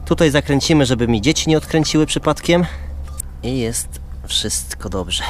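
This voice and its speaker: With faint music in the background, a Polish vlogger and dad explains each step to viewers at a campsite beside his caravan. His medium-pitched delivery is animated, chatty, and at a normal speed.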